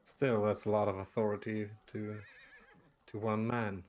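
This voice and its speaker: Halting, low-voiced male tabletop player. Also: level tone, darkish tone. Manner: halting, awkwardly polite. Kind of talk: casual in-character chat.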